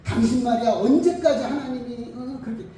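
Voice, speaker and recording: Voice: mid-range voice, a little fast, mellow, heavy reverb, recorded from a distance, slight background noise, natural voice. A preacher voicing Sarai, an elderly wife nagging her husband about their childlessness. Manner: nagging, complaining.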